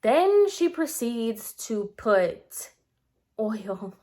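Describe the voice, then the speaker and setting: A woman's voice: on the high side, big pitch swings, very slow, darkish tone. A young woman in her twenties telling a storytime while doing her makeup, exasperated and emphatic, with lots of "like"s. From Puerto Rican heritage. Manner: exasperated, emphatic, rants with many "like"s. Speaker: beauty vlogger. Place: at home in front of a camera.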